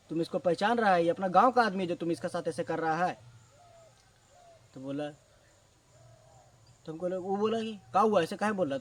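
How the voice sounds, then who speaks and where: A man telling a comic story in a casual, animated way, swinging between loud and hushed. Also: high voice. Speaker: storyteller, channel host. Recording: distant mic with faint background noise.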